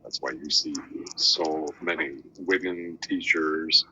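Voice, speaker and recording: A man's voice: a bass voice, slow pace, sharp tone, a little hiss or hum. A man ranting emphatically in a casual group discussion. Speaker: podcast participant. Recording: dull lo-fi audio.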